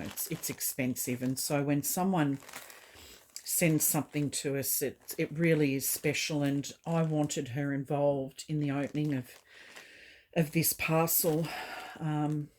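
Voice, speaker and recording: A woman hosting a doll collecting channel, talking gently and haltingly with frequent fillers as she opens a parcel. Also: sits low, slight background noise. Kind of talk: unboxing vlog chat.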